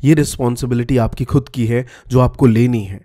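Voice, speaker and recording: Male presenter, mellow tone, direct motivational study talk. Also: mid-range voice, steady tone, brisk. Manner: direct, advising, mixes English words into his talk. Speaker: YouTube study-tips presenter.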